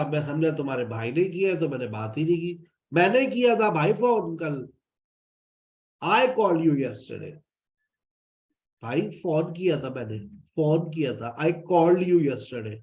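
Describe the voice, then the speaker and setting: A man's voice: fairly high pitch, a little mellow. A man teaching a spoken English class, drilling phrases over and over and speaking to his students in a fatherly way. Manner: repeats phrases to drill students, fatherly, addresses them as "beta". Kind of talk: online class explanation. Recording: roomy, dull lo-fi sound.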